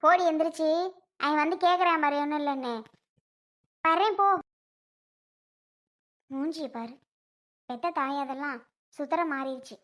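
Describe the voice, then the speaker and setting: A bossy, impatient young sister, as a woman plays her. She scolds in a sharp, bright and very high voice in a family skit. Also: measured pace, long pauses. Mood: grumbling.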